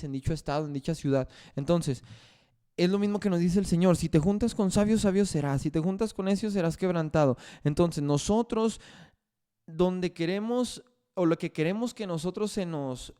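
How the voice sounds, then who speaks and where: A man's voice: a little high, dark tone, clean tone. A man preaching a sermon as pastor, often repeating phrases and scripture references.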